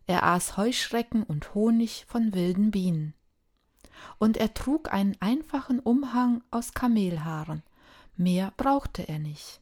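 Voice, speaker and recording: Slow, gentle woman reading a Bible story. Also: mid-range voice, animated. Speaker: storyteller on a phone story line.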